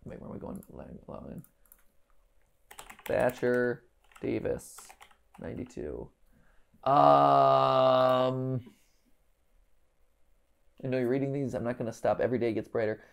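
Working through a puzzle on a livestream in an indoor room, a man in his thirties keeps up casual commentary, muttering unfinished thoughts and leaning into the parts he reads aloud. His mid-pitched voice is very creaky, and he talks slowly with frequent pauses.

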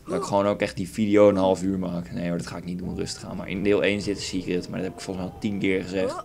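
A man's voice: sits low, little pitch movement, quick pace, vocal fry, a little mellow, slight background noise. A young man with a Dutch accent commentating his own game playthrough in a crude, rambling, joking way. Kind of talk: casual let's play commentary. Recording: faint game music behind.

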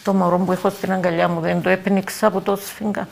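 An older woman with a Cypriot Greek accent giving halting eyewitness testimony, repeating words and phrases as she talks. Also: fairly low pitch, level tone, vocal fry, slight background noise. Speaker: eyewitness interviewee.

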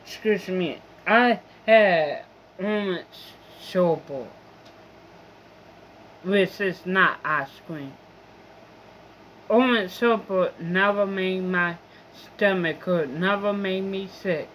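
Young woman vlogger ranting and swearing, drawn-out slow speech, middling pitch. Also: a bit bright, a little hiss or hum. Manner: rambling, profane and complaining. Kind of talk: casual venting monologue.

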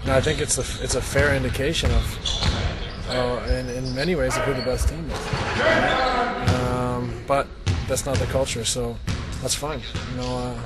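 Flat-voiced, measured male basketball player. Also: mid-range voice, over loud music. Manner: measured, thoughtful, many fillers. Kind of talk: post-practice media interview. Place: indoor practice gym. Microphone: cluster of handheld reporter mics.

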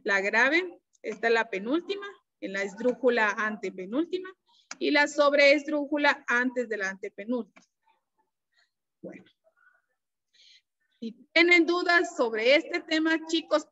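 High-voiced woman teacher on a video call. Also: expressive, pushed and bright. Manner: slow, patient explaining with frequent checks. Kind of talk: online class lesson. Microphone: computer mic on a video call. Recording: dull, lo-fi video-call audio.

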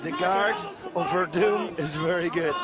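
A man giving excitable expert colour commentary on a fight, exclaiming and repeating words. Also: on the high side, a little slow, very noisy. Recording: loud music and arena crowd behind.

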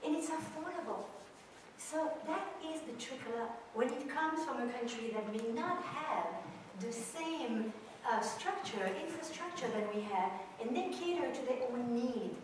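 A Swiss guest speaker on business culture gives a public lecture from the stage of a large auditorium, speaking directly and with animation in a slightly high voice. A camera far back in the audience picks her up, so the hall's long, roomy echo and a faint crowd hum come through.

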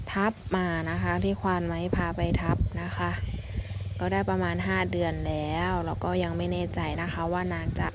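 A woman, chatting politely to camera as she films elephants outdoors. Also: on the low side. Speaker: elephant keeper filming a vlog. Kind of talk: casual narration to camera. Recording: noisy outdoor recording.

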